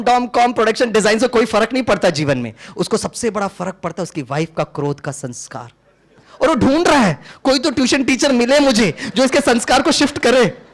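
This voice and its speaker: Animated middle-aged male motivational speaker. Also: very high voice. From Tamil Nadu, India. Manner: animated storyteller, switches between Hindi and English, acts out dialogues. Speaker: engineering teacher and spiritual speaker. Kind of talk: motivational talk to a live audience.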